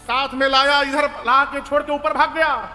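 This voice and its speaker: A man telling a devotional story as a sermon, lively and humorous, chanting verses now and then. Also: very high voice, moderate pace. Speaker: storyteller preacher. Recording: reverberant hall with faint music.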